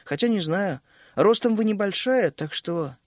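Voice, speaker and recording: A sulky young captive, as a male reader puts him on, mutters blunt, grumbling answers in a lively, fairly high voice. The storybook reading sounds close and dry. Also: a little slow, no echo.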